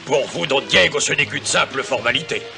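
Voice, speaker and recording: Man playing a gravelly, drill-sergeant army sergeant. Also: medium pitch, brisk, music in the background, close to an everyday voice. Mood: officious. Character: blustering, deferential sergeant, obedient to his commandant. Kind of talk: French-dubbed television adventure acting.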